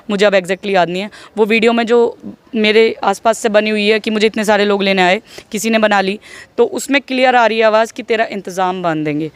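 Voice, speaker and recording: A woman's voice: mid-range voice, clear, resonant tone, dry recording. Indignant woman telling her side. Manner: emphatic, indignant storytelling. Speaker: interviewee. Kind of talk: recounting an incident in an interview.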